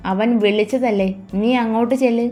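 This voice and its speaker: A woman's voice: a little high, fairly even intonation, normal speed, darkish tone, faint music behind, lightly acted. A woman voicing a grave, worried old mother.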